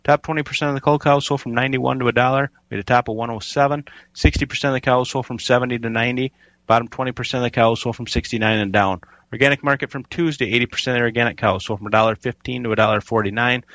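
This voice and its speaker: A man reading a livestock market report with brisk, matter-of-fact delivery of prices and sale dates. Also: medium pitch, steady tone, fairly bright tone, dry recording.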